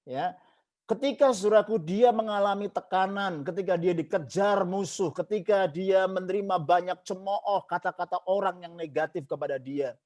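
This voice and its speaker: A man's voice: sits high, moderate pace, a little mellow. A man preaching a sermon as a pastor, emphatic, with repeated parallel phrases and English words mixed in. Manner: mixes English phrases into Indonesian, repeats "saudaraku" often.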